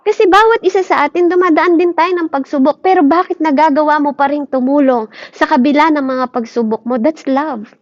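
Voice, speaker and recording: A woman's voice: high-pitched, brisk, no room sound, lo-fi sound. A woman preaching a sermon, often asking her listeners questions and mixing in English phrases.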